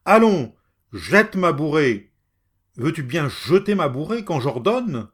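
A man voicing a furious, haughty rich landowner who beats a poor woman, his voice raised high and loud. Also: sing-song, slow pace, slightly rough, heavily acted. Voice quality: shouting, haughty.

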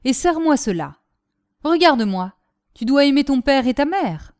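A woman's voice: sits high, big pitch swings, normal speed, darkish tone, voice pushed up. A woman reading aloud, voicing a stern and menacing gamekeeper who commands his family. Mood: commanding. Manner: commanding, threatening. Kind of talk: audiobook reading of a novel.

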